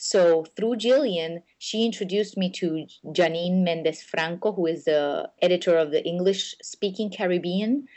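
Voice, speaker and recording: A woman's voice: on the low side, a little slow, hardly any pauses, darkish tone. A woman from Rico, answering interview questions in an earnest way and often restarting her sentences. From Puerto Rico. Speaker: guest, blog network editor.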